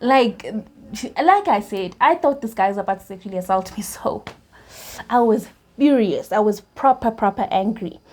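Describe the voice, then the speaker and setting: A young South African woman with a South African accent, telling a personal story in a storytime vlog, animated and laughing often between restarts. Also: medium pitch, normal speed. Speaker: YouTuber.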